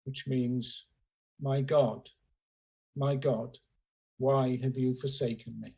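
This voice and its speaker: Male scripture reader for worship, husky voice, slow and solemn, pausing between phrases, on a video call. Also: medium pitch, steady tone, dark tone. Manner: slow, measured phrasing with pauses. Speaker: scripture reader at a church service. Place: remote, on a Zoom call. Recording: remote video call audio.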